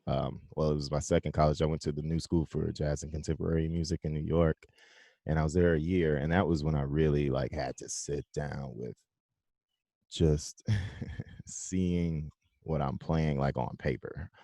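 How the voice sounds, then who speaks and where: A young man from South Carolina speaks as a podcast guest, his voice extremely deep and dark. He talks in a loose, rambling way with easy laughs. The sound is dry and close. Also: moderate pace, gravelly, no echo. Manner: relaxed, laughs often, loose rambling phrasing. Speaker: musician guest. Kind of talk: casual interview conversation.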